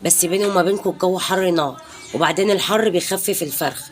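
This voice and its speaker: A woman's voice: lowish voice, fast. A woman in her thirties with an Egyptian Arabic accent, chatting casually to her followers in a home vlog. She rambles from one point to the next and keeps dropping in pious blessings. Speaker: home vlogger and mother. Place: home balcony.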